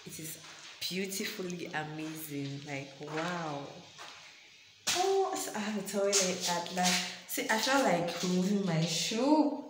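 A woman from Cameroon vlogging a house tour, gushing over new tiles and rooms, recorded on a low-quality old phone held in her hand. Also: sing-song, takes it slowly. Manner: gushing, exclaims wow and oh my god. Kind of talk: casual house-tour vlog. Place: empty newly tiled rooms of a house, indoors. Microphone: handheld old phone. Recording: echoey bare rooms, hissy noisy phone audio.

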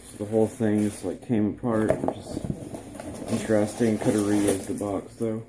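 A teenage man chatting casually through an unboxing vlog in his bedroom, relaxed and rambling with plenty of ums. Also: fairly low pitch, moderate pace, very noisy. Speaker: vlogger. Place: small bedroom, indoors.

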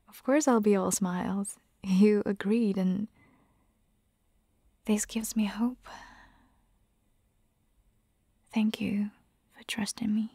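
A woman speaks slowly in a medium-pitched, fairly even voice with long pauses, playing a caring, gently bossy vampire hunter girlfriend in ASMR roleplay. Close to the mic and half-whispering, she sounds soft, breathy, warm, and proud on a dry recording.

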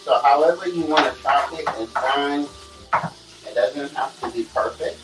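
A young cooking vlogger with a slightly high voice talks casually at a moderate pace through a home cooking demo, often addressing viewers with "okay" and "guys." He's recorded in a small indoor home kitchen by a camera set on the counter away from him, so his voice sounds distant and echoey amid heavy background noise.

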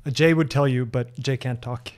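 A mid-range, darkish voice with a steady tone and normal speed comes from a Norwegian man in his thirties, for whom English is a second language. Chatty and full of ums and restarts, he reads viewer questions aloud and answers them on a casual livestream from his home office, speaking close to a desk broadcast mic.

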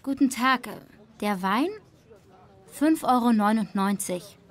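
A woman's voice: on the high side, animated, takes it slowly. A woman acting a cheerful wine seller in a scripted language-lesson dialogue. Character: friendly woman selling wine.

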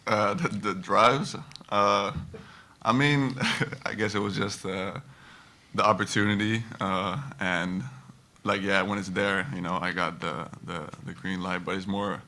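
A young man, a college basketball player, answering press conference questions in a halting way with many fillers and restarts, into a table microphone. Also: low-pitched, fairly even intonation, sharp tone. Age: young adult.

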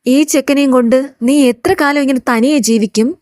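A reproachful young man presses hard on a woman who once left him, as a woman narrator reads him in her own voice. The voice sits fairly high and sounds dry and close, with no room around it. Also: normal speed, darkish tone, dry recording, close to an everyday voice. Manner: blunt, reproachful. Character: young man scolding his former lover.

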